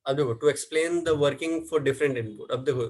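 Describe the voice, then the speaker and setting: Husky male teacher giving a lesson. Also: medium pitch, slow pace, low-quality recording. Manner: asks students questions and answers them himself; mixes Hindi with English terms. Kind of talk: classroom lecture.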